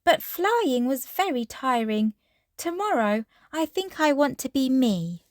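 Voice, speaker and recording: A woman's voice: high-pitched, big pitch swings, dry recording, studio quality, pitched above the performer's own voice. A woman voicing a cheerful, imaginative little girl pig with a sweet, childlike delivery in a children's storybook. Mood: sweet, sleepy. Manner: sweet, childlike, drawn-out phrases. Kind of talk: children's storybook read-aloud.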